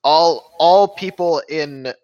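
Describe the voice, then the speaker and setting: A man's voice: fairly high pitch, slow pace, darkish tone, no echo. Laughing man with a muffled dry mic. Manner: laughs often, rambling and self-correcting. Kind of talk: casual gaming chat.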